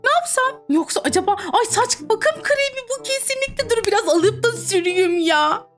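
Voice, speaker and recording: A woman's voice: extremely high pitch, expressive, moderate pace, fairly bright tone, faint music behind. A woman voicing a dramatic, self-absorbed young woman in a comedic game role-play, scolding and complaining. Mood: chatty. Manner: exclaiming, scolding, complaining to herself. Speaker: voice actor in a role-play video.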